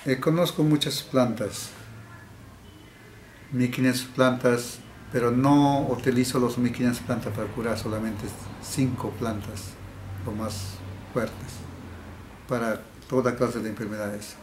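The interviewee is a healer from the Peruvian Amazon whose mid-range voice is steady and a little mellow. He responds slowly, halting, restarting often and repeating words. The recording comes from an echoey indoor room with a faint hiss.

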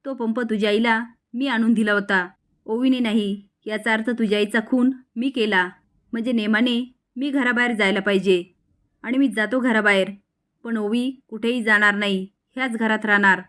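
A woman voicing a defiant young husband who talks loudly at his mother. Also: on the high side, fairly even intonation, moderate pace, close to an everyday voice.

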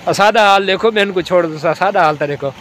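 Saraiki-accented village vlogger, a man, high and bright-toned, chatty, some outdoor noise behind. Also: fast. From Pakistan. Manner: chatty, joking with friends. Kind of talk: casual outdoor vlog chat.

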